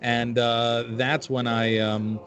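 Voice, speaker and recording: Comic, 40s, man from Jordan; dry, wry deadpan storyteller, mid-pitched voice. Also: slow. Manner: dry, wry storytelling with filler-laden asides. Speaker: comedian and panel guest. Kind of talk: casual comedic chat.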